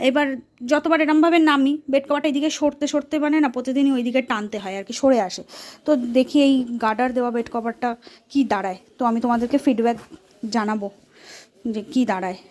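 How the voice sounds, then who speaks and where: A woman's voice: high-pitched, quick pace, darkish tone. A woman from West Bengal chatting to viewers in a casual home vlog while she cooks and tidies, unwell with a sore leg. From West Bengal, India. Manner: chatty, talks to viewers while doing housework. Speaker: vlogger. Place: home, kitchen and bedroom.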